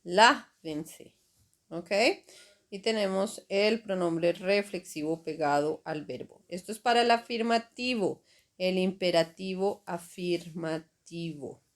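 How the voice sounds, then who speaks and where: A woman teaching a grammar lesson over slides, explaining patiently and checking in with "ok?" and "right?" after each step. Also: lowish voice. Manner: slow, patient explaining with frequent "¿ok?" and "¿cierto?" checks. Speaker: Spanish teacher.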